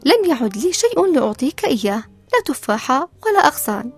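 A woman's voice: high voice, big pitch swings, fast talker, soft background music. A woman voicing a kind, generous old apple tree in a told story, speaking tenderly. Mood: weary. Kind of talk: storybook narration.

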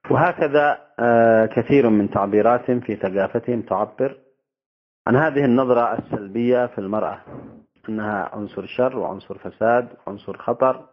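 A man giving a formal religious lecture to an audience, speaking in measured phrases with pauses. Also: medium pitch. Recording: tinny phone-like audio.

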